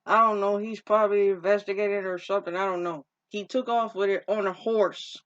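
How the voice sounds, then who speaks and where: A woman's voice: medium pitch, fairly even intonation, fairly quick. A woman casually recapping a movie's plot in a rambling, informal way, often restarting her sentences and using slang. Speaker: movie reviewer. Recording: dull lo-fi recording.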